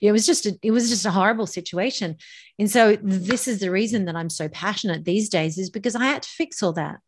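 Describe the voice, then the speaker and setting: A faint hiss or hum sits under this podcast interview, where a middle-aged voice coach gives emphatic tips on speaking in public. Her medium-pitched voice moves fairly quickly, lively and drawing out words for emphasis.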